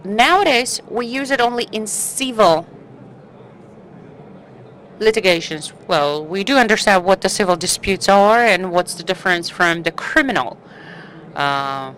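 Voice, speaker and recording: Female conference interpreter, mid-range voice, unhurried and halting delivery. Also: mid-range voice, animated, fairly bright tone, slight background noise, rough recording. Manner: halting, broken-up phrasing with pauses mid-sentence. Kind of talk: live simultaneous interpreting.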